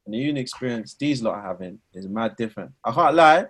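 Young London man, medium-pitched slang talker. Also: animated, quick pace, a bit bright, breathy edge. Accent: London, multicultural London English. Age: young adult. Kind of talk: casual slangy chat.

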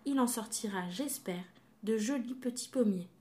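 A woman voicing a gentle, resigned female apple in a children's poem. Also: fairly high pitch, normal speed, close to an everyday voice.

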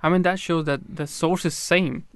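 A male radio co-host with a slightly raised, smooth and resonant voice reflects on the conversation. He speaks in halting phrases with frequent hesitations, and the sound is dry and close to the mic. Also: fairly high pitch, steady tone, no room sound. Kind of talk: studio discussion.

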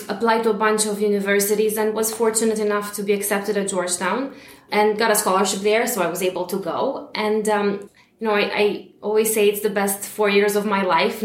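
A woman in her thirties, originally from Romania, talks as a guest on a podcast, with a voice of middle pitch. She speaks in a warm, chatty way, laughing often and filling pauses with small hesitations. The recording has a roomy echo. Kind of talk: interview podcast.

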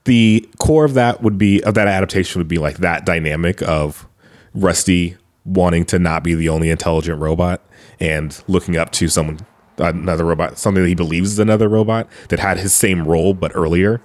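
A man with a very low voice talks casually through a podcast conversation. He rambles and loops back on himself, stacking up filler words as he works through an idea. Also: fairly even intonation, a little fast. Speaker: podcast co-host. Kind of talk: casual chat.

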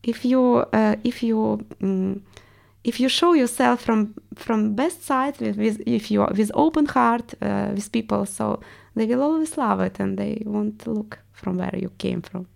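A woman's voice: mid-range voice, measured pace, gravelly, a little mellow. A woman from Estonia with a Russian accent, speaking reflectively as an interview guest and searching for words in her non-native English. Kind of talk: reflective personal interview talk.

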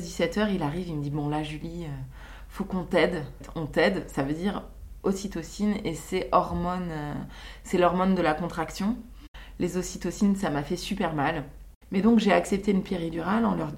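A young woman and mother telling her own birth stories in an unscripted, hesitant way, with many pauses and fillers. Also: lowish voice. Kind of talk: unscripted personal testimony.

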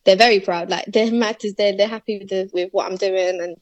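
A young woman rapper, chatting easily and breaking into laughter between thoughts. Her voice sits at an ordinary middle pitch. It is recorded close and dry, with no room sound around her. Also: a little fast, no echo, dull audio. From born in Malawi, raised in England. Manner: relaxed, laughs often, slangy. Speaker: rapper guest. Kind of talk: casual interview chat.

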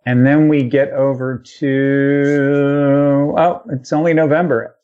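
A man's voice: medium pitch, flat delivery, takes it slowly, smooth. Podcast host guy reading off a long list, loose and casual, kinda dull lo-fi sound. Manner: rattles off long lists, with fillers and profanity. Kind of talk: casual chat listing albums.

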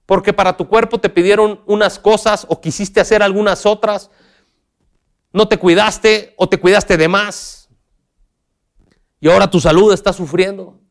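A man preaches a sermon, questioning the listener directly and moving between soft, low lines and raised, emphatic passages. He talks at normal speed with fairly even intonation and pauses often.

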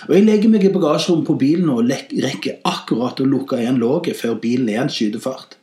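A man hosting a comedy podcast, telling comic stories and giving satirical commentary in an animated voice with sarcastic, deadpan jabs. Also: reverberant. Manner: animated, with big swings in pitch and loudness.

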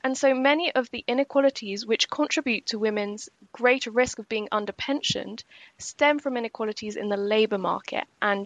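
A woman co-hosting a podcast, reading a scripted pension news summary in a measured, explanatory way. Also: mid-range voice, dry recording. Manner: measured and explanatory, slowing for key points. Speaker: podcast co-host.

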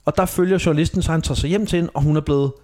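A man tells stories animatedly in a casual podcast chat. His voice sits a little high for a man, and he slips into quick impressions and laughs often. The talk is loose and conversational. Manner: animated storyteller, mimics people, laughs often.

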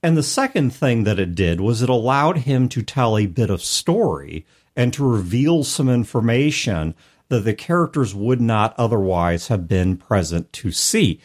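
In a sing-song voice of medium pitch, this male podcast host chats about tabletop role-playing games at a moderate pace. His explanations run long and thoughtful, peppered with hedges.

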